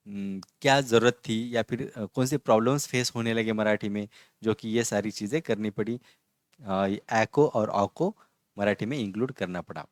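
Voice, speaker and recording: A man of ordinary pitch teaches an online language lesson in a relaxed, chatty way. He breaks words into single syllables, says them slowly, and keeps asking whether the viewer follows. The sound is dry and close, with no room echo. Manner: often asks checking questions.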